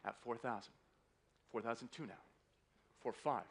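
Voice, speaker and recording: A man's voice: medium pitch, normal speed, fairly bright tone, husky. A man working as a fine art auctioneer, calling a live sale with polite, courteous patter that keeps repeating the bids. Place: live auction room in a hotel.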